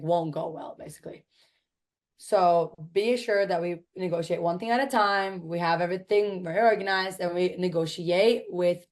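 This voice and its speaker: A woman with a hoarse, raspy, smoker-like voice worn out from talking, teaching a course in an informal, chatty and emphatic way. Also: lowish voice. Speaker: course instructor.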